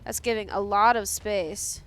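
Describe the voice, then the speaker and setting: A young woman doing casual live esports commentary, excitable and teasing, often breaking into giggles. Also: mid-range voice, measured pace, soft background music. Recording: faint background noise.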